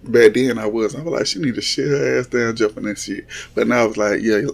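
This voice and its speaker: A man's voice: mid-range voice, moderate pace, gravelly. A man casually recapping a reality show reunion, laughing often, swearing freely and acting out what the cast members said. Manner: animated, laughing, profane, mimics cast members.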